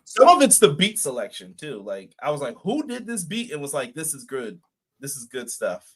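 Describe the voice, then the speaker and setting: On a live wrestling podcast, a laid-back co-host chats casually, reads out comments from the chat, and laughs a lot. His voice is on the high side with a breathy edge, swooping wildly in pitch at a moderate pace.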